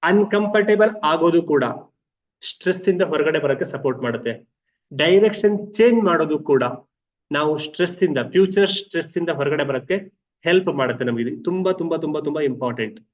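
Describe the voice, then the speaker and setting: A man's voice: a little high, expressive, a little fast. A middle-aged man with a Kannada accent, a wellness coach talking to a group, repeating himself and restarting words. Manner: repetitive, restarts words, mixes English terms. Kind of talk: live group coaching talk. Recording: dull lo-fi audio.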